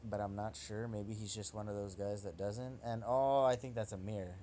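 A young man giving excitable, trash-talking commentary over his own gameplay, swearing at his opponent as he plays. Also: on the low side, moderate pace, a little hiss or hum. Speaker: gaming channel host.

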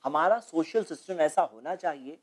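A man's voice: on the high side, animated, normal speed, husky. A man answering as a guest in a studio TV interview, explaining at length and posing rhetorical questions. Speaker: guest speaker on Islamic topics.

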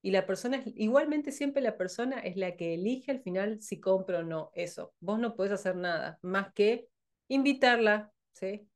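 A woman's voice: mid-range voice, expressive, normal speed. A woman with a Rioplatense Spanish accent, from Argentina, giving a blunt, provocative motivational talk as a sales coach. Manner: blunt, provocative, laughs often.

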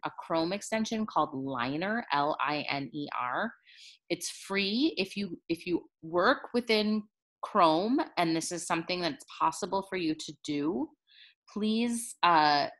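Chatty teacher woman, low and gravelly. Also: a bit bright. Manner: chatty, rambling, many fillers and restarts. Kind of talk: recorded classroom video lesson. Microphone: handheld recording device, jostled.

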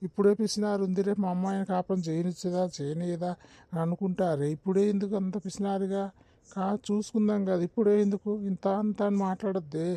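A man's voice: sits high, fairly even intonation, fast, warm tone, no echo. Man doing a grumbling cartoon village husband. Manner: grumbling, bossy.

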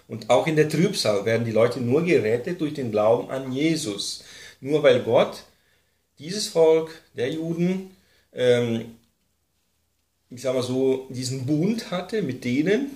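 A man teaches a Bible class in an echoey room. He explains step by step and keeps checking in with "ne?". His voice sits at a middle pitch. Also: darkish tone. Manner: explains step by step with many fillers and tag questions.

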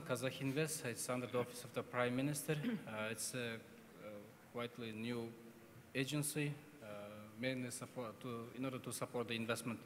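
A man's voice: medium pitch, fairly bright tone, a little hiss or hum. Hesitant man on a conference panel. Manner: hesitant non-native phrasing. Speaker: government agency chairman. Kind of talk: panel self-introduction. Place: conference hall stage, seated. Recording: hall reverb.

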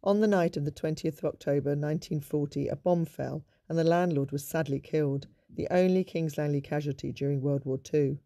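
A man giving a measured, informative narration of local history in a scripted documentary style. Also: a little high, steady tone, vocal fry, warm tone.

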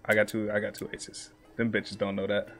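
A man's voice: on the low side, completely flat delivery, brisk, a bit bright. A young man in casual gaming banter with friends, talking like a slangy, profane frat bro. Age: young adult. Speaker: game streamer. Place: indoor home gaming room.

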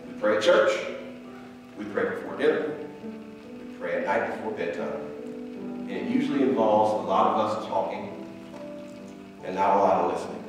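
A man's voice: lowish voice, normal speed, long pauses. A man in his forties preaching a sermon to a church as its preacher. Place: church stage, indoors. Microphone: headset. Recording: very echoey hall, distant, loud music. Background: instrumental music.

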